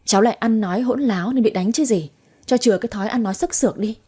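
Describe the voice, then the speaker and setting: Old grandpa scolding then sweet to his wife, a woman reading him, soft mellow voice. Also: a little high, quick pace, husky. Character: elderly man, doting husband, stern grandfather.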